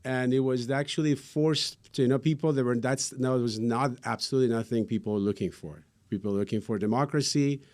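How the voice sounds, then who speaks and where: A man's voice: medium pitch, fairly quick, hardly any pauses, darkish tone. Earnest middle-aged Iranian-accented man. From Iran. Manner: earnest, rambling with many fillers. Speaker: guest. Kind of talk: interview answers.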